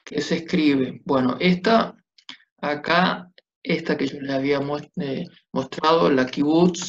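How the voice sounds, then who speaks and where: Slight background noise accompanies a man's mid-range voice as he teaches a Biblical Hebrew class at the whiteboard. He keeps checking comprehension patiently with quick tag questions, and the classroom recording sounds dull and lo-fi.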